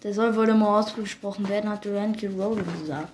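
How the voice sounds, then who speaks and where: A woman's voice: medium pitch, fairly even intonation, quick pace, darkish tone, a little hiss or hum. A young woman chatting casually, giggling and playfully repeating words. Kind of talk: casual chat.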